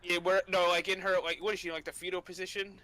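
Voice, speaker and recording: A young man playing a tabletop game, joking and pitching ideas. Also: little pitch movement, fast, sharp tone, poor audio. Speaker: player. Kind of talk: casual tabletop game chat.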